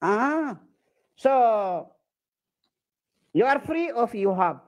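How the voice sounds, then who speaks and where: A man's voice: very high voice, very animated, drawn-out words. A man with an Eritrean accent speaking broken English, playfully flirting and boasting as a comedian on a video chat. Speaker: comedian prank-chatting.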